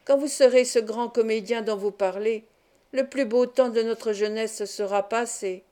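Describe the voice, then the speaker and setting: Anxious pious young woman, pleading; a woman reader voices her. Audiobook, soft mellow tone. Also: fairly high pitch, a little slow, natural voice. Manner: worried, pleading. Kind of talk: audiobook reading.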